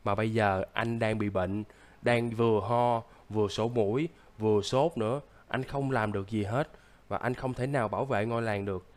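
A man's voice: lowish voice, steady tone, moderate pace, close to an everyday voice. A man voicing a sick young man who acts as a stern, lecturing big brother, coughing now and then, in casual game role-play.

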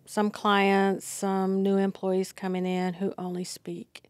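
A middle-aged woman talking as an interview guest in a small studio, unhurried and full of fillers. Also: medium pitch, monotone, no room sound. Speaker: district receptionist, guest. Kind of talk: casual interview. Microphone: podcast mic on boom arm.

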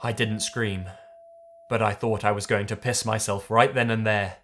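A man's voice: lowish voice, level tone, normal speed, a bit bright, slight background noise. A man reading a horror story aloud in the first person, tense and dramatic. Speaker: narrator. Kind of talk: scripted horror story narration.

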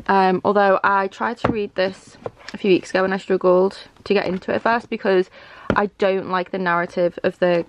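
A woman in her 20s, a book vlogger, chats casually from a small furnished room at home, thinking aloud in a rambling, indecisive way. Her mid-range voice is creaky, and there's a slight hiss or hum in the recording.

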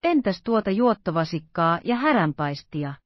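A woman reading the part of a lively young male musketeer who exclaims quickly. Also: lowish voice, no echo, lo-fi sound. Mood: teasing.

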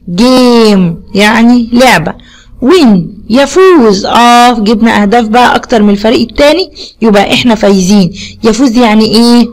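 A woman with an Egyptian Arabic accent teaches young children English words in a recorded video lesson. She says each word twice and quizzes them with simple questions. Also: fairly high pitch.

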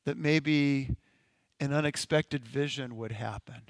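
A male pastor leading a congregation through a slow, gentle guided-imagery meditation in a sermon. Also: mid-range voice, no room sound. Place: church sanctuary.

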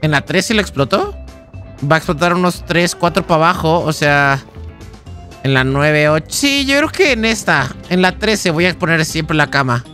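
High bright-voiced Mexican streamer. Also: male voice, lively intonation, moderate pace, soft background music. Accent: Mexican Spanish. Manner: chatty, thinks aloud, slangy. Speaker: gaming streamer. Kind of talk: casual live-stream commentary.

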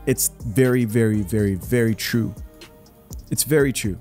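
Addressing his viewers directly, this man in his thirties, born in Zambia, hosts a podcast full of blunt, emphatic opinions from a small home studio indoors. He wears headphones and speaks close to a studio mic, his voice low-leaning, a little mellow, and at normal speed, with faint music behind him.

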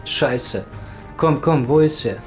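A man's voice: mid-range voice, slow pace. A man giving casual commentary on his gameplay, swearing often and urging the game on with repeated words. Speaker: let's play gamer. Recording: voice over loud game music and gunfire. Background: game music and gunfire.

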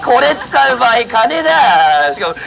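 With crowd noise all around, a man whose extremely high voice has a sing-song lilt and vocal fry performs a monkey show at an outdoor autumn festival. He speaks unhurriedly, jokingly chiding and coaxing the monkey and politely chatting with spectators amid the noisy festival ambience.

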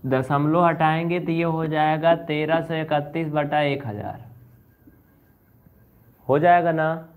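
This online maths teacher has a high-ish, steady voice, speaks slowly, and pauses often. He is chatty but scolds his students a little while going back over each step, and the recording sounds thin and phone-like.

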